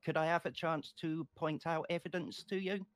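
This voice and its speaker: A man's voice: on the high side, steady tone, moderate pace, no room sound, close to an everyday voice. A man playing a deferential but persistent lawyer in an unscripted courtroom role-play.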